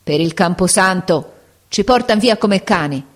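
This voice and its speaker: A bitter middle-aged woman sick in a hospital bed, mocking and moaning with a sinister edge. Her voice sits above the storyteller's own lower tone, as a woman reader acts her out. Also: lively intonation, a little slow. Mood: scornful.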